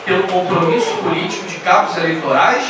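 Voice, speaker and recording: A man in his thirties giving a forceful political speech from a podium in a large council chamber, at times raising his voice. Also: sits high, a little fast, far from the mic, noisy background. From Brazil. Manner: forceful, emphatic oratory with raised passages. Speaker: city councillor. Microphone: podium microphone on a stand. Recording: echoey hall, voice heard from afar.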